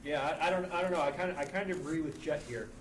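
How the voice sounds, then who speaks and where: Man calmly explaining a card game live. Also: fairly high pitch, distant mic, heavy background noise. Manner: explanatory, measured. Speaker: stream commentator. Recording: roomy hall mic from afar with crowd.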